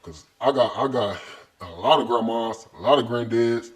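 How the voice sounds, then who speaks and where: An American man hosting a video reacts to a lecture in heated, rambling, slang-filled commentary. His medium-pitched voice moves at a moderate pace, recorded in a roomy space far from the mic.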